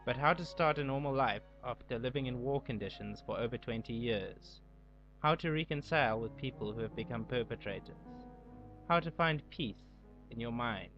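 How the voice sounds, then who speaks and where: A man calmly narrating a documentary voice-over. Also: medium pitch, normal speed. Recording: dull lo-fi voice-over with faint music.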